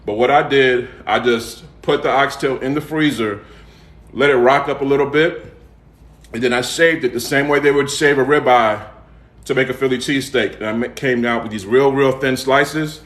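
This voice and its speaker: A man from the United States with a Southern accent, hosting a casual cooking livestream and pitching his products in a folksy, repetitive way with frequent check-in tags. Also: moderate pace, fairly bright tone. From United States, raised in Atlanta. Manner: folksy, repeats himself and tags phrases with "okay?" and "all right?". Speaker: home cook and seasoning seller hosting a livestream. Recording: echoey, roomy sound.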